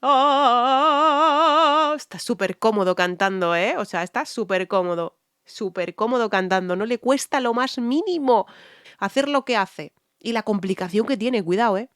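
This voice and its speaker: A woman from talks through a music video as a singer, enthusiastic and quick to repeat herself for emphasis. Her voice sits at a middle pitch. The sound is close and dry, with no room around it. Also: dry recording. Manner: hums and sings short phrases along with the song. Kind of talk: casual reaction commentary on a singer's technique.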